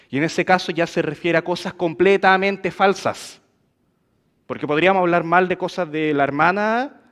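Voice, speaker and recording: A man's voice: a little high, a bit bright. A man preaching a sermon in a church, asking the congregation questions and acting out quoted gossip.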